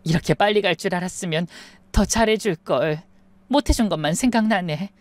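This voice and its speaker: A woman voicing a tender middle-aged mother of the bride, speaking slowly. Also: on the low side, no echo, lightly acted. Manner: slow, tender.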